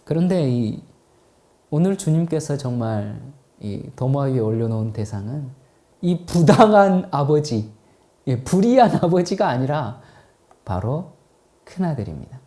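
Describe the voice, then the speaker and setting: A man's voice: medium pitch, very animated, measured pace, warm tone. A male pastor preaching a sermon, telling the story dramatically and often turning to the congregation.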